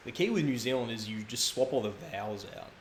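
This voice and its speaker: A guest speedrunner with an animated, medium-pitched voice talks fast as he tells stories in casual conversation, rambling and correcting himself as he goes. The room is echoey, with faint background noise.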